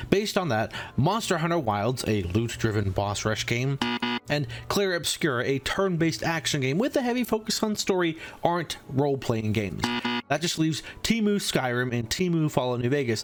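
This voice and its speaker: A man in his thirties narrating a scripted game video essay in a wry, opinionated, sardonic way. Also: fairly high pitch.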